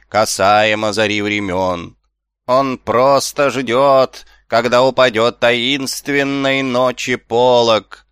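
A man's voice: fairly low pitch, a bit bright, no room sound, clean studio sound. A man doing a shifty, sly little watchman. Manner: slow sing-song chanting, then wheedling.

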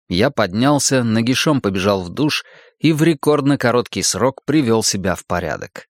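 A man narrating a first-person audiobook in a measured, dramatic reading. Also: mid-range voice, no room sound, studio quality.

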